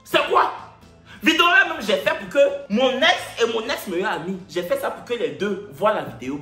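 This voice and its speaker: A young man from Ivory Coast with an Ivorian accent, telling a lively story straight to his viewers in a theatrical way. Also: high-pitched, brisk. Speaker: YouTuber. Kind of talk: animated storytelling vlog. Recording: echoey room, faint music.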